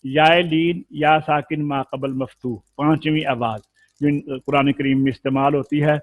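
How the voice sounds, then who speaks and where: A man's voice: a little high, steady tone, moderate pace, no room sound, phone-quality sound. A man teaching Quran recitation in an explanatory lesson, patiently drawing out vowel sounds to demonstrate them.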